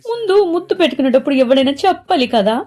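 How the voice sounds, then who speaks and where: Woman playing a young woman, sulky, scolding, high-pitched, soft warm tone. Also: very animated, rapid-fire, faint music behind. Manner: whiny, scolding, pleading.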